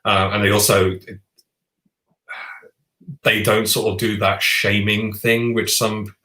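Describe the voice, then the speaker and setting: A man's voice: lowish voice, level tone, takes it slowly, sharp tone. A man co-hosting a podcast, chatting enthusiastically about board games with lots of restarts. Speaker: podcast co-host. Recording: roomy echo.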